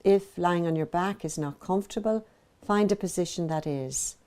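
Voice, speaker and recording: This meditation teacher is a woman whose very mellow, soft voice sits a touch low for a woman. Her guidance comes gently and at an even measure, with soothing breaks between phrases.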